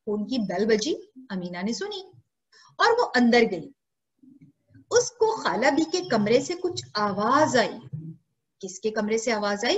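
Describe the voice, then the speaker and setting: A woman's voice: a little high, highs cut off. A woman teacher with a Pakistani Urdu accent, telling a story to young pupils over a video call and repeating lines back to them as questions. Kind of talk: online class storytelling.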